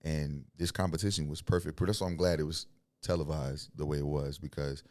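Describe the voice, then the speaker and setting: A man's voice: rumbling low, fairly even intonation, fairly quick, a little mellow, no echo. A young man talking about his faith in an interview, blunt and preachy, telling stories and laughing often. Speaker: guest, signed music artist. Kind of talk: faith-centered interview talk.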